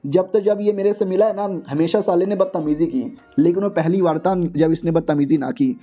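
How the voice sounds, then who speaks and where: A hot-tempered young mother who swears at everyone and says exactly what she thinks, as a male narrator puts her on in his own high, mellow voice. She is blunt, quick to anger and never polite. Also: faint music behind.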